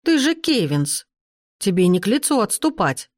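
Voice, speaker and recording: A woman voicing an imperious, sharp-tongued old duchess grandmother in an audiobook, in a commanding, dry manner. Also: medium pitch, sing-song, moderate pace, no echo, close to an everyday voice. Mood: stern. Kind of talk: audiobook character reading.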